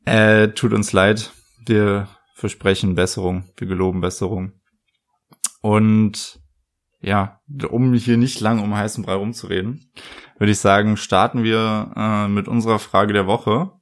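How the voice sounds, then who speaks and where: A young man hosts a casual podcast in a fairly low voice with a gravelly fry. He talks in a relaxed, loose way, leaning on filler sounds and restarting sentences. It feels like chatty weekend talk. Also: a little slow. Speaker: podcast host. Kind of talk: casual chat.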